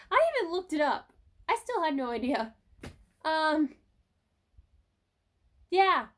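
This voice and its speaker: Young adult woman, high voice, rambling casual vlog chat into a phone. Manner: rambling, chatty, casual swearing. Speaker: vlogger. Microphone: cell phone.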